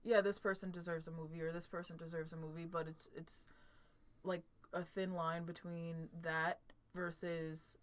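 A woman's voice: on the low side, little pitch movement, moderate pace. A woman chatting casually and animatedly as a podcast co-host, giggling often and swearing offhandedly. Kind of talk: casual chat.

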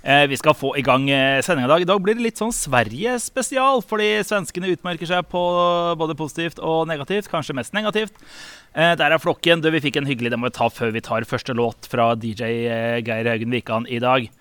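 A man's voice: on the high side, a bit bright, smooth, dry recording. A man hosting a radio show, leading the talk and reading out listener messages. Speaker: radio host.

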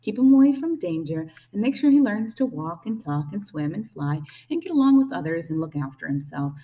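A woman's voice: on the low side, sing-song, fairly quick, mellow, far from the mic. Woman voicing an old goose, female, bossy, squawking, no-nonsense, storybook. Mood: blunt, brisk. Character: old gray female goose, brisk and blunt.

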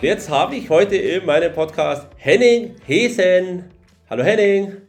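A man's voice: sits high, measured pace. Male podcast host, joking, faint music. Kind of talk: podcast interview hosting.

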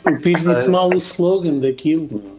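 Rambling Portuguese man, slightly higher voice. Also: expressive, normal speed, over music, rough recording. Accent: European Portuguese. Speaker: talk show co-host. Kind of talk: casual chat, anecdotes.

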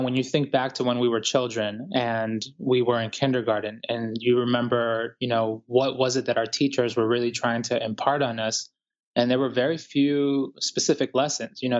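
A man from Ecuador, a writer, talking calmly and thoughtfully in an interview, with many pauses and fillers. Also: medium pitch, dull audio. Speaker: guest writer. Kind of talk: reflective interview talk.

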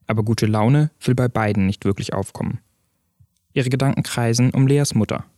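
A man tells a story in calm, even scripted narration. His voice sits in a middle range. The recording is dry and close, with no room sound. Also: medium pitch, normal speed, no room sound.

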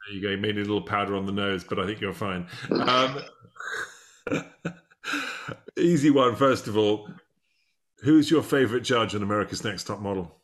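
A man's voice: on the low side, moderate pace, long pauses, fairly bright tone. A man hosting a casual interview in a bantering manner. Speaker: interview host.

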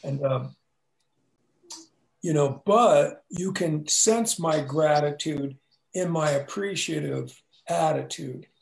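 A man's voice: a little high, slow pace, vocal fry, a little hiss or hum, rough recording. A man talking as a podcast guest in a laid-back, casual way, sprinkling in "dig, man" and "you know.".

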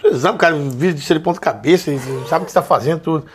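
A man's voice: a little high, very fast, slight background noise. A man from Brazil, telling football stories in a casual chat and mimicking the people in them. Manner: animated storyteller, mimics people in quotes. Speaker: podcast guest, former footballer.

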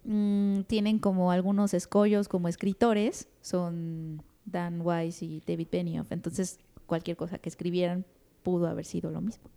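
A woman's voice: on the low side, little pitch movement, a little slow, vocal fry, dark tone. A woman co-hosting a podcast, talking in a rambling, reflective way with many restarts. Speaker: podcast co-host. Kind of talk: casual podcast chat.

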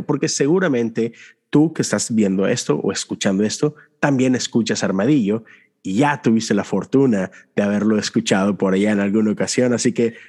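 Low-voiced Mexican podcast host. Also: male voice, darkish tone. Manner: friendly, rambling, frequent fillers and restarts. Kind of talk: casual conversational interview.

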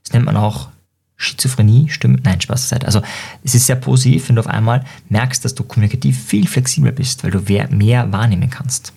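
Gravelly, husky man explaining with examples. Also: lowish voice. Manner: lively, uses quick asides and tongue-in-cheek jokes. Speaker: podcast host and coach.

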